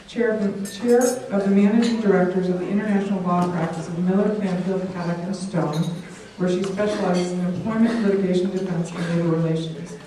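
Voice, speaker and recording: A woman's voice: on the low side, mellow. A woman giving a formal introduction of two speakers at a club meeting, reading out their credentials one after another. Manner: reads out credentials in a list. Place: hall at a club luncheon. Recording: very echoey hall from far off.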